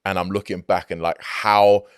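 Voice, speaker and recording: A young hip-hop artist of Greek heritage, raised outside Greece, chats easily as a guest in a casual interview. His deep, smooth, resonant voice holds a level tone at normal speed, and his laid-back, loose talk is peppered with "like" and "you know what I mean." The recording studio sound is close and dry, with no room sound.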